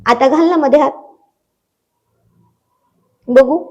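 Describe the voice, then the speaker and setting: A woman's voice: sits high, slow, a little mellow, muffled recording, pitched above the performer's own voice. Teasing young man, as a woman narrator voices him. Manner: teasing, coaxing.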